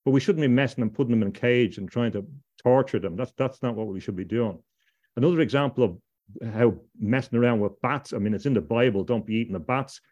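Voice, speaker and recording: A man's voice: medium pitch, brisk, a little mellow, lo-fi sound. A middle-aged man from Ireland, a podcast guest, talking at length in a discursive way, often repeating words and restarting his sentences. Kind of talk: discursive interview talk.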